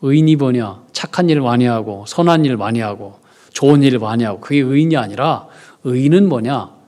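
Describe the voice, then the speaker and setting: A middle-aged man preaching a sermon as pastor, moving between quiet, hushed confession and loud, emphatic preaching. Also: medium pitch, animated, a little fast. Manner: acts out prayers in a soft, hushed voice.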